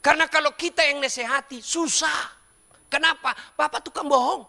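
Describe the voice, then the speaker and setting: A middle-aged man, preaching a comedic sermon and talking straight to his listeners in a jokey, animated way. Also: very high voice, moderate pace, creaky, big-room sound, noisy background. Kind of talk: comedic sermon to a live audience.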